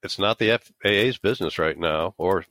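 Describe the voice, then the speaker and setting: A middle-aged man giving explanatory interview answers, starting haltingly and then making his points emphatically. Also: deep voice, fairly bright tone, no echo. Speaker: interview guest, author and former aerospace engineer.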